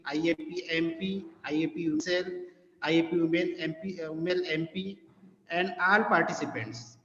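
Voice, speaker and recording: A man's voice: a little high, fairly bright tone, slight background noise. A man with an Indian English accent giving a formal vote of thanks in a webinar. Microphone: video call. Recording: roomy, echoey lo-fi call with faint ambience.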